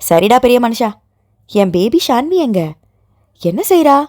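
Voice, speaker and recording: A woman's voice: a little high, sing-song, unhurried, warm tone, dry recording, studio quality. Woman voicing an emotional young heroine. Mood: playful teasing. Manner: pleading, emotional. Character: young woman, tearful guilt-ridden heroine.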